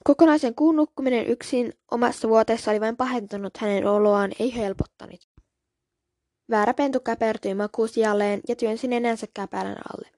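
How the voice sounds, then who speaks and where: A woman's voice: on the high side, darkish tone, dry recording, studio quality. A woman hosting a podcast, reading book scenes aloud and stepping out for casual, slightly apologetic asides.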